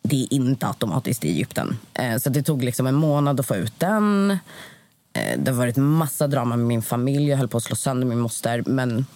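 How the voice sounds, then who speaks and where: En kvinna i trettioårsåldern som pratar avslappnat i en podd och berättar livfullt, ofta med repliker hon spelar upp. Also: female voice, rumbling low, no echo. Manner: animated storytelling, acts out dialogue. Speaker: podcast guest. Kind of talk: casual chat.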